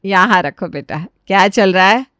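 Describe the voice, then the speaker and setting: A woman voicing a calm, wise older mother-in-law in a cartoon story, speaking in a lower, soothing, advising way. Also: a little slow, clear, resonant tone, no echo, studio quality, lightly acted.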